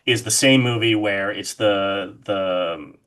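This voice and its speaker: Slow and on the low side, with a slightly bright voice, a male horror artist chats on a podcast about horror films, enthusiastic and swearing loosely throughout the casual interview.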